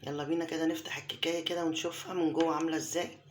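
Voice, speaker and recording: Hoarse Egyptian woman cooking host. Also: low voice, little pitch movement, rapid-fire, a little hiss or hum. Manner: affectionate, showers viewers with blessings. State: hoarse from a cold. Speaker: home cooking channel host. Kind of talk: casual cooking tutorial.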